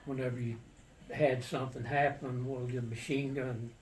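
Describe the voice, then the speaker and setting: Older guy reminiscing, halting n matter of fact, pretty monotone, faint noise behind him. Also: mid-range voice. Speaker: war veteran recounting his service. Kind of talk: casual personal storytelling. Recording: distant mic with faint background noise.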